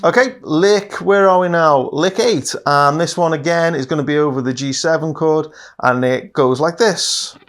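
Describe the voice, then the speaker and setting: Man teaching guitar, slightly high voice. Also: fairly bright tone. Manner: unhurried, explains patiently, counts off items with "okay". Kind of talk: casual step-by-step guitar lesson. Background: guitar playing.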